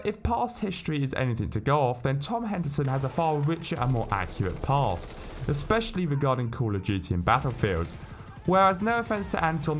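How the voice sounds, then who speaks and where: A man's voice: medium pitch, slight background noise. A British man narrating scripted gaming news as a host, in a colloquial, tongue-in-cheek manner.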